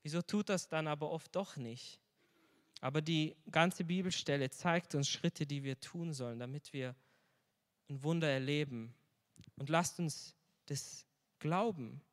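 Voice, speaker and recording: A man's voice: on the high side, unhurried. A man preaching a sermon in a church hall, sharing a personal testimony in an earnest tone and asking the congregation questions. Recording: long reverb of a large hall.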